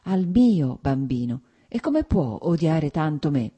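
A woman reading aloud and voicing a guilt-ridden, self-pitying husband, plaintive and fretful, in a husky, dark voice. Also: deep voice, sing-song, takes it slowly, heavily acted.

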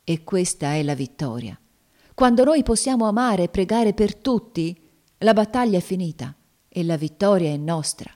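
Woman reading as Uncle Tom, devout and gentle. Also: on the low side, unhurried, pitched above the performer's own voice, close to an everyday voice. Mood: tender, fervent. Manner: earnest, solemn pleading. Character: devout gentle older man, steadfast.

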